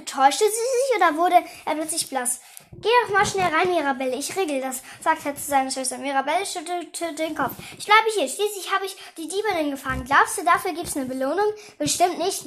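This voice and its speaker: A woman's voice: extremely high pitch, a bit bright. A young woman reading a children's detective story aloud, with frequent slips and restarts, giving the characters light voices. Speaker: reader.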